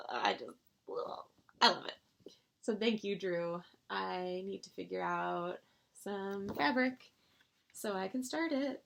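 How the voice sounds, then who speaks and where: A woman chatting casually to her viewers about her stitching, gushing with excitable bursts and rambling restarts. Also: mid-range voice, vocal fry. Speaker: cross-stitch vlogger.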